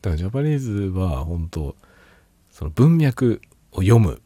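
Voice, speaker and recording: A man's voice: low voice, very animated, normal speed, mellow, breathy edge, no echo. A man hosting a casual solo talk show, rambling and laughing a lot while tipsy. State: drunk. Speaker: podcast host.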